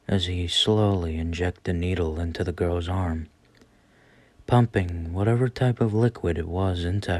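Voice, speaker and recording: Slow, low-voiced man narrating horror. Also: darkish tone, dry recording. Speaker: storyteller. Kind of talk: scripted horror story narration.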